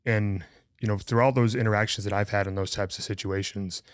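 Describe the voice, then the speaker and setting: A man's voice: lowish voice, fairly even intonation, fairly quick, no room sound, studio quality. A man speaking earnestly and emphatically in a casual podcast conversation. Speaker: podcast co-host.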